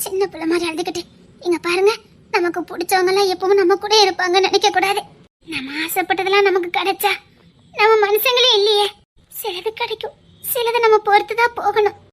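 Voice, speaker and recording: A woman doing a shrill, devoted young woman. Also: steady tone, fairly quick, fairly bright tone. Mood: soothing. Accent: Tirunelveli Tamil. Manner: coaxing, soothing, insistent. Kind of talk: amateur dramatic dialogue.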